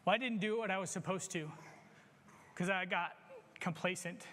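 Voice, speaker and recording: Speaking at normal speed with a high, sharp voice, a church member gives an earnest, confessional sermon testimony, openly admitting his own failings and urging listeners to act. Long reverb suggests a large church hall, with slight background noise.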